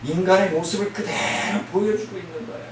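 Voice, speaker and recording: A male pastor preaching a sermon, blunt and scolding, with loud emphatic outbursts. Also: sits high, steady tone, fairly quick. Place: church sanctuary. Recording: very echoey church hall, mic from a distance, faint hiss.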